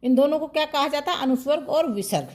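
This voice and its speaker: High-voiced woman teaching Hindi grammar. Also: fast, a little mellow. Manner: asks questions and answers them herself, repeats key terms. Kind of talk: online classroom lesson.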